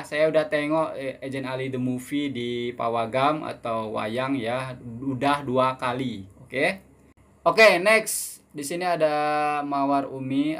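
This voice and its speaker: A man's voice: mid-range voice, a bit bright. A man in his twenties from Indonesia, hosting a casual Q&A vlog, reading viewer questions aloud and answering them in a chatty way, often ending phrases with "ya" and mixing in Malaysian words and English terms. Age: 20s.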